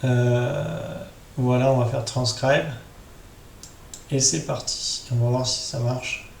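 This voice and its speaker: Slow and fairly even in intonation, this man's mid-range voice leads viewers through an informal screen-share tutorial one step at a time, talking to them directly. Background noise is clearly audible over a roomy, echoing sound.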